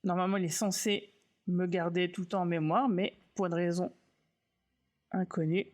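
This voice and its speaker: A man teaching software in a casual live stream, relaxed and self-mocking, thinking aloud with many fillers and restarts. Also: high-pitched, normal speed.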